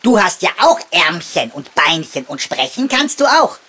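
A man voicing a tiny, ancient lightning sprite who is boastful and quick to take offense. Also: high voice, sing-song, bright, forceful tone, pitched above the performer's own voice, heavily acted. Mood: cheeky.

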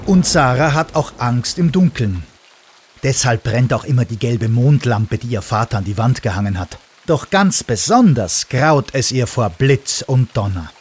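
A man reading a children's story aloud in an expressive, animated way. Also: medium pitch, unhurried, a little hiss or hum.

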